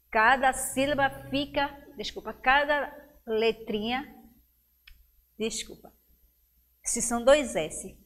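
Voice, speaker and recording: A woman teacher with a Brazilian Portuguese accent, giving a televised reading lesson to young children and drawing out each word slowly and clearly as she sounds out its syllables. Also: on the high side. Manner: slow, clear, drawn-out syllables when sounding out words. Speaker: primary school teacher.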